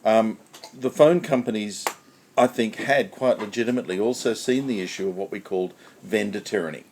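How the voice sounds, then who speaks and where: A man's voice: lowish voice, brisk, darkish tone, a little hiss or hum. A man on a conference panel explaining technical history step by step, repeating key points for emphasis.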